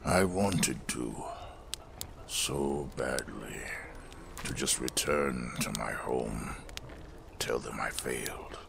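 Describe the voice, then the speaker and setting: A male actor voices a former fire preacher turned weathered, solemn smith for a fantasy audio drama, his bass delivery gravelly, measured, and reflective. The mood is wistful and solemn, the voice exaggerated, and the background noisy.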